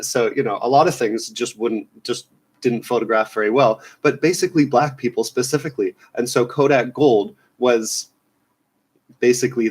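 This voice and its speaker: Rambling man reading the news. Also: lowish voice. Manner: rambling, offhand, many fillers and restarts. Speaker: news show host. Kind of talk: casual news roundup commentary.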